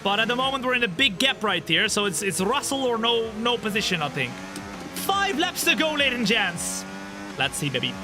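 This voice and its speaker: A man's voice: sits high, sing-song, moderate pace, music in the background. A twenty-five-year-old man streaming a racing game live, chatting with viewers and calling the race in a joking, self-teasing way. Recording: game engine noise behind voice. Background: racing car engine sounds.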